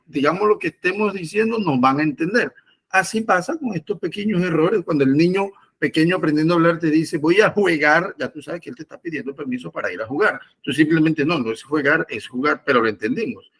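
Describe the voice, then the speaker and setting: A man's voice: on the high side, fast, husky. A male teacher explaining his point casually, using everyday examples and stumbling a little. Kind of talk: casual discussion.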